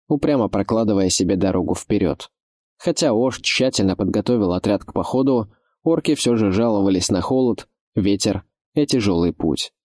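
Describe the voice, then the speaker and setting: A man reads fantasy narration in a low, steady voice at a measured pace. The delivery is even and controlled. The recording is dry and close, with no room sound. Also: no echo. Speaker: audiobook narrator.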